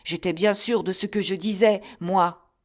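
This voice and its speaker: A woman's voice: mid-range voice, steady tone, unhurried, close to an everyday voice. A woman voicing a bold, commanding middle-aged musketeer captain in an audiobook reading. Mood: urgent. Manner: urgent, commanding.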